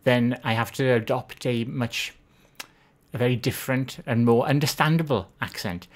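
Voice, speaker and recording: Reading viewers' messages aloud, a Swansea-accented live streamer from Wales talks casually and makes self-deprecating jokes. The voice sits in the mid range and moves at a normal speed.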